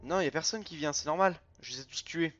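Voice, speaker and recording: Chatty man doing animated game commentary. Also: fairly high pitch, a little hiss or hum. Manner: animated, chatty, quick outbursts of frustration. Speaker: gaming youtuber. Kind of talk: let's play commentary. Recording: dull lo-fi recording, faint game music.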